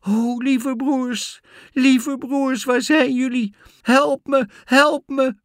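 A man voicing a frightened young wife who cries out in a high, shrill, trembling voice in a fairy tale. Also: moderate pace, dry recording, studio quality, natural voice. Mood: pleading.

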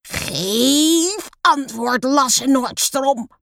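A woman voicing a strict, short-tempered female schoolteacher in a storybook, shrill and shouting. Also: lively intonation, measured pace, gravelly, husky, no room sound, studio quality, full character voice. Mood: stern, angry.

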